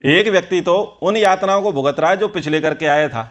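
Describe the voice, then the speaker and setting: A man's voice: high voice, brisk, a bit bright, dull audio. A man teaching a scripture class, explaining earnestly and repeating key phrases for emphasis. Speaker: Vedic teacher.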